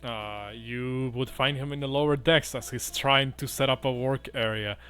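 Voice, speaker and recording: A man's voice: medium pitch, fairly even intonation, normal speed, a bit bright, clean tone, faint music behind. A man narrating a tabletop game as game master, improvising in casual, hesitant phrases.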